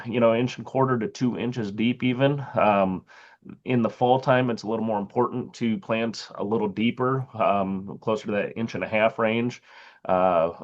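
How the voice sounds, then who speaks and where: A man's voice: on the low side, highs cut off. A man presenting on a video call as a seed company sales agronomist, speaking with many hesitant fillers. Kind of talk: presentation with slides.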